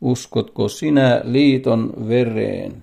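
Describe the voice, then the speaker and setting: A man's voice: mid-range voice, creaky, warm tone. A man preaching a sermon in a solemn, emphatic manner, asking his listeners direct questions.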